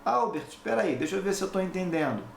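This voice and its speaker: A curious, puzzled student cuts in with a hesitant question, as a man puts him on. The voice sits a little higher than the teacher's own. It is recorded in an echoey room with a faint hum behind it. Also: expressive, fast, vocal fry. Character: curious student checking his understanding.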